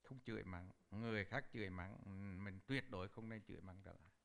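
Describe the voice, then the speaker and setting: Male Buddhist preacher, low and gravelly, animated storyteller. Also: a little fast. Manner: animated storyteller, acts out quoted speech. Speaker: Buddhist teacher. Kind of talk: sermon with storytelling.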